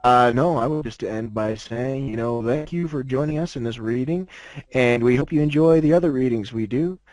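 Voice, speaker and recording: A man's voice: mid-range voice, normal speed, a little mellow, no echo. A man co-hosting a casual podcast chat, speaking thoughtfully and hesitantly through a glitchy mic that makes him sound robotic. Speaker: podcast co-host discussing a fanfic reading.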